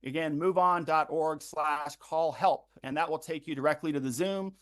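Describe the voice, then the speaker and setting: A man's voice: on the high side, fairly even intonation. A man organizing a phone bank, walking volunteers through a calling script with frequent ums and uhs. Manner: frequent ums and uhs, repeats web addresses slowly. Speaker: campaign organizer leading a phone bank livestream. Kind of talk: instructional briefing to volunteers.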